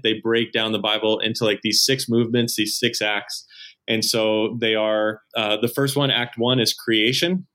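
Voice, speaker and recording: A man's voice: mid-range voice, bright, forceful tone. A man who leads at a church, a podcast guest explaining his ideas earnestly, step by step. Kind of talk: explanatory conversation.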